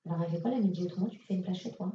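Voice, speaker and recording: French medium, casual, in an echoey hall. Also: female voice, on the low side, rapid-fire, dark tone, a little hiss or hum. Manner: casual, direct, many fillers. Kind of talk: public mediumship reading. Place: conference hall. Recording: echoey hall, distant lo-fi mic.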